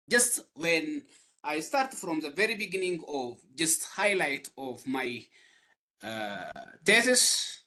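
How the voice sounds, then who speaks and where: A young man with an Ethiopian accent giving an academic talk on a video call, pausing often with fillers. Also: on the high side, pushed and bright. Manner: halting, frequent pauses and fillers. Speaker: webinar presenter. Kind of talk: academic presentation.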